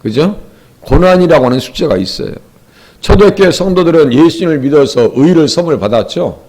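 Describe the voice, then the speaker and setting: A middle-aged pastor preaching with a husky, slightly high voice. His pitch swings widely as he throws questions to the congregation and acts out the voices he quotes. The delivery is a lively sermon. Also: a little fast.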